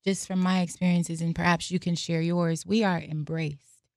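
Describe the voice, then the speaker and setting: A woman's voice: fairly low pitch, level tone, moderate pace, darkish tone, no room sound, studio quality. An American woman on a podcast, telling reflective personal stories and reading aloud from her journal. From United States. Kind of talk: casual podcast discussion.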